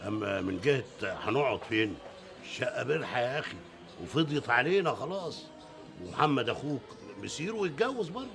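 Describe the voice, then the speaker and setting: A gravelly old Egyptian father. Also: mid-range voice, very animated. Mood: insistent. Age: older. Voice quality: gravelly, bossy, quick-tempered. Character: stubborn old Egyptian father set on remarrying. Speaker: father of a grown son. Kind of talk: TV drama acting. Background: background score music.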